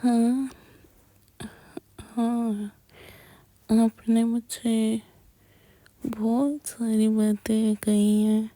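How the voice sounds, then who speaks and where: In a dry recording, a woman softly whispers an intimate girlfriend roleplay straight to the listener, very close to the microphone. She sits on the high side with a level tone, speaking extremely slowly and pausing often.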